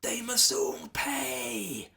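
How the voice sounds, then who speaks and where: A hissing, cruel female monster of anger slides through breathy whispers that coax and threaten, as a man reading the storybook puts her on. The pitch lurches high and low as she wheedles. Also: very animated, very slow, pushed and bright, exaggerated voice. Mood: menacing.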